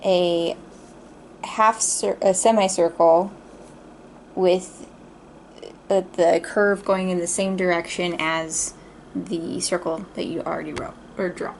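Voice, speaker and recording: Slow-paced woman in a pictionary guessing game. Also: fairly low pitch, fairly even intonation, darkish tone, slight background noise, poor audio. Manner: halting, pauses to search for words. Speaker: player in a drawing guessing game. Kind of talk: casual pictionary guessing game chat, giving drawing instructions.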